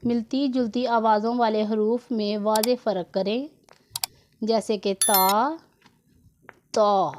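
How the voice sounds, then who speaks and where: Slow, careful woman teaching Quran reading. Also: a little high, fairly even intonation, noisy background. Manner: measured, repeats each syllable distinctly. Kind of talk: slow recited lesson, drilling syllables.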